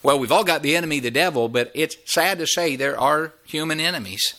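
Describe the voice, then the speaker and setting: Bright-voiced preacher man in his fifties. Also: on the high side, a little fast. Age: 50s. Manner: preaching with sweeping rises and drops in voice. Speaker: pastor. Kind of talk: sermon.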